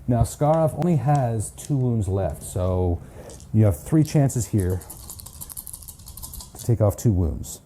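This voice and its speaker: A man's voice: on the low side, animated, slow, pauses often, warm tone, slight background noise. A man narrating a solo board game campaign, counting dice aloud in a chatty, self-mocking way. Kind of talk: casual play-through narration.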